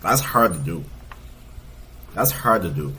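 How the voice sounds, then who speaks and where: A man's voice: sits low, animated, a little slow, bright, forceful tone, slight background noise. A man in his thirties, a fitness coach, giving casual, emphatic reaction commentary and repeating points for stress. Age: 30s.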